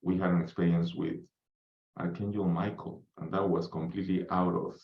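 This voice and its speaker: Deep flat-voiced man in his fifties. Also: gravelly. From Peru. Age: 50s. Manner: unhurried, halting, frequent ums and uhs. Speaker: podcast guest. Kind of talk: reflective personal account. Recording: roomy, dull lo-fi remote audio.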